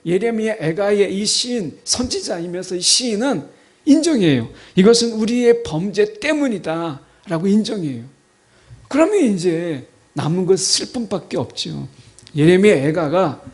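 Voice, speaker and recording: A male pastor preaching a sermon, asking the congregation rhetorical questions and reading scripture aloud with dramatic emphasis. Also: high voice.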